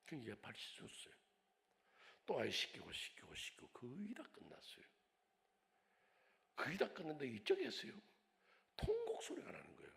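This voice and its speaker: An older male pastor preaches in a big church, his gravelly voice ringing out with a long echo. His pitch rises and falls widely as he moves from hushed whispers to loud, emotional cries. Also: huge pitch swings, moderate pace, long pauses. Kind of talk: revival sermon with storytelling. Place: church sanctuary. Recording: long hall reverb in a church.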